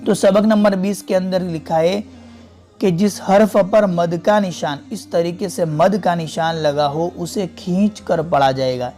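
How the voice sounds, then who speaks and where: A man teaching a Quran reading lesson step by step, slowly repeating and drawing out each example word. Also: high-pitched, mellow, faint music behind. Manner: slow, patient, repeats and stretches out example words.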